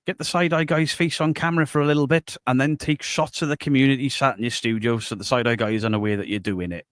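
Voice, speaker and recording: A man's voice: medium pitch, fairly even intonation, fast, a bit bright, no room sound, clean studio sound. A man, a paranormal video creator, ranting angrily and swearing at someone. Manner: angry, profane ranting. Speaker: paranormal YouTuber.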